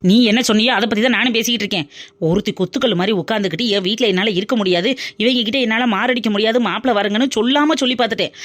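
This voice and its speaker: A woman's voice: fairly high pitch, very fast, lightly acted. A woman voicing Muthu, a young woman's playful, dramatic best friend in a cartoon. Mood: teasing. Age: young adult. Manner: teasing, dramatic and chatty. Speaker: cartoon character. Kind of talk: cartoon voice acting.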